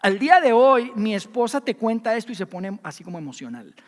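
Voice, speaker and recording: A man with a Mexican accent preaching a sermon as pastor, animated and acting out the people he quotes. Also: sits high, fairly quick. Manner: animated, acts out quoted voices. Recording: reverberant hall.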